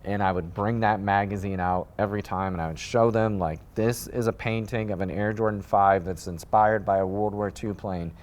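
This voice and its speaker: A man from the American Midwest with a fairly low voice tells his story in a relaxed interview. He rambles and gets animated, circling back with fillers and restarts as he talks. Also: normal speed, hardly any pauses. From Midwest United States. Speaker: guest, sneaker designer.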